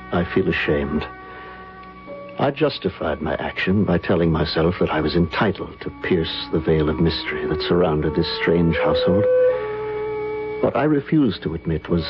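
A low-voiced man performs in an old-time radio drama as an earnest, courteous gentleman recounting a haunting memory. His narration is formal, theatrical, solemn, and hesitant, heard through a dull old broadcast with music behind.

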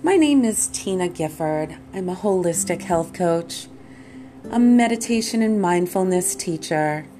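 A woman leading a guided meditation as host and teacher, in a calm, soothing, meditative manner. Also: lowish voice. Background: plucked guitar music.

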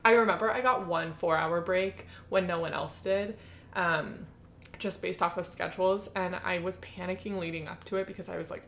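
A woman's voice: on the low side, fairly even intonation, moderate pace, a bit bright, a little hiss or hum. A young woman co-hosting a podcast, chatting casually, with lots of "like" and laughter. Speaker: podcast co-host. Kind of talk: casual chat.

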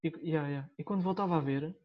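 A man's voice: fairly high pitch, quick pace, crowd noise. A young man with a European Portuguese accent chatting casually in repetitive slang, on a dull lo-fi recording. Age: young adult. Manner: slangy, repetitive filler words. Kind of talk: casual chat. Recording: dull lo-fi sound.

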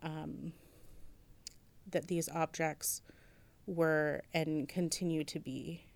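A woman's voice: sits low, fairly even intonation, very slow, vocal fry. A woman museum curator answering interview questions, thoughtful and hesitant, with many fillers and restarts. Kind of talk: interview conversation.

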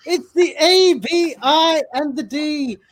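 A man's voice: very high-pitched, takes it slowly, a little hiss or hum. A man from the UK who leads an educator group, introducing himself in a showy, joking way over a video call. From United Kingdom.

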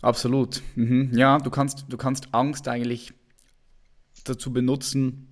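A man's voice: mid-range voice, level tone, measured pace. A man hosting a video call interview, talking casually and often repeating his words. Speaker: interview host.

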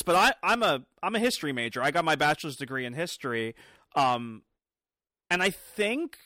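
A woman in her thirties in casual chat, animated and laughing often. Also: fairly low pitch, no room sound, studio quality. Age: 30s.

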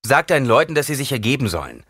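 A man voicing a calm, commanding young male desert leader in an audiobook, speaking firmly. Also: medium pitch, fast talker, slightly rough, dry recording, clean studio sound, pitched above the performer's own voice, full character voice. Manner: firm, commanding.

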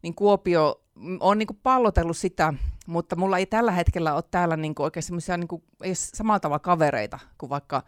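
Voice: medium pitch, smooth, no room sound, studio quality. Chatty laughing author speaker. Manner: chatty, many fillers, laughs often. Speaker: author and theatre teacher, interview guest. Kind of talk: casual interview chat.

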